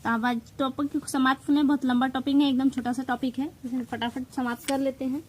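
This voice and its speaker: A woman's voice: sits high, level tone, fairly quick, poor audio. A woman teacher with a Hindi accent giving an exam-prep grammar lesson, explaining step by step, stressing key terms and mixing in English words.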